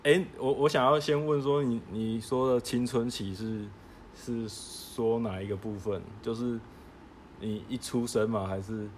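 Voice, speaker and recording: A man's voice: mid-range voice, fairly even intonation, a little slow, a little hiss or hum. A man with a Taiwanese accent co-hosting a casual chat, often stammering and repeating his words. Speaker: podcast co-host.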